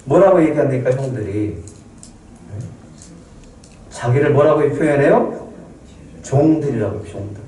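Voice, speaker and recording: A man's voice: mid-range voice, lively intonation, measured pace, long pauses, warm tone, slight background noise. A man preaching a sermon as pastor, emphatic and asking the congregation questions. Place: church sanctuary. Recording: roomy hall from a distance.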